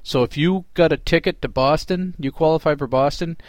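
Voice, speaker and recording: A man's voice: on the high side, fairly quick, no echo. A man hosting a podcast, chatting and giving advice to a listener in a joking way. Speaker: podcast host. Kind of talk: casual listener-mail chat.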